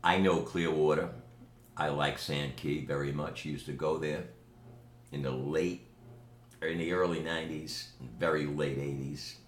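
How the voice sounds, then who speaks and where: An older New York City man with a New York accent records a direct-to-camera video message at home, boasting emphatically in slow, deliberate speech. His voice rumbles low with a steady tone, and the room is echoey with faint ambient noise.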